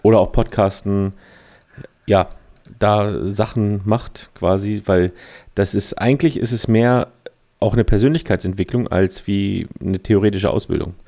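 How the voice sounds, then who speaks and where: Lowish-voiced guy, guest on a podcast, rambles a lot with ums. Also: steady tone, measured pace, warm tone. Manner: rambling, many fillers, laughs while reading aloud. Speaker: podcast guest, speaker trainee. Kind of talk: casual chat.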